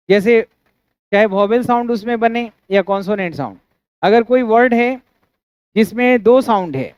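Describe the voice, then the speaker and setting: An Indian male teacher with a very high, smooth voice gives a classroom grammar lecture, often asking students checking questions to be sure they follow and spelling out words syllable by syllable. The recording is dry, dull, and lo-fi.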